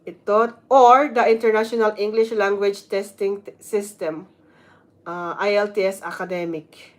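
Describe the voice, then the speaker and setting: A Filipino nurse vlogs casual advice with a Filipino accent, switching between Tagalog and English and reading some parts aloud. Her voice is medium-pitched and steady, at a moderate pace.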